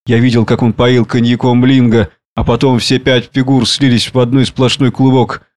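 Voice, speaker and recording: A man's voice: medium pitch, flat delivery, moderate pace, darkish tone, no echo. Man narrating an audiobook.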